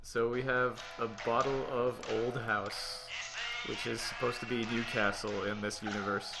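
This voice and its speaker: A man's voice: medium pitch, flat delivery, unhurried. An American man giving casual, joking, self-mocking commentary as the creator of a game. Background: music and game dialogue.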